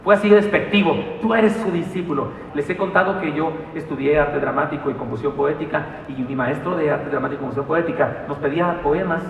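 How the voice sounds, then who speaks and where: A man preaching a sermon in a church, animated and telling stories with humor and asides. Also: fairly high pitch, fast, vocal fry, hardly any pauses, distant mic. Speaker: pastor. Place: church sanctuary. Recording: echoey hall, mic from afar.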